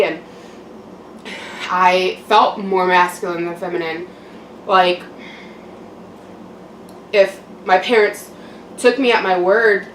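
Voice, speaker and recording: Young woman vlogging, distant and echoey. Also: fairly low pitch. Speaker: mukbang vlogger. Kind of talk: casual personal monologue to camera. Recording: roomy echo, distant mic, background noise.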